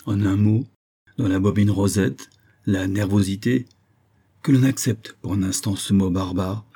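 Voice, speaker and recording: Deep, husky male audiobook narrator. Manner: measured, expressive reading.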